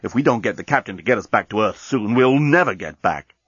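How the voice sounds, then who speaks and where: A man's voice: on the low side, lively intonation, fairly quick, a bit bright, husky, dry recording, muffled recording. A man voicing an irritable adult man who speaks curtly. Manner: curt, dry.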